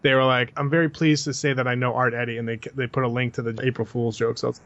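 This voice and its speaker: A man in his thirties co-hosting a casual podcast, telling animated stories and laughing often. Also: medium pitch, fast. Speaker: podcast co-host. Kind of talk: casual chat. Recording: dry, dull lo-fi sound.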